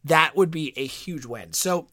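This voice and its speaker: Male sports podcaster, slightly high voice, stuffy with a head cold, a bit squeaky, opinionated delivery, dry recording. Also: measured pace, bright, forceful tone, no room sound. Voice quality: voice squeaks and cracks a little. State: congested with a cold, stuffy nose. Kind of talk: solo sports podcast commentary.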